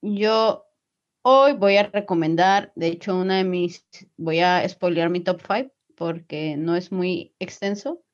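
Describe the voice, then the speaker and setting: A woman's voice: on the low side, slow. Playful woman, dull lo-fi sound. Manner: playful, teasing. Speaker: podcast co-host. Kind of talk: casual podcast chat.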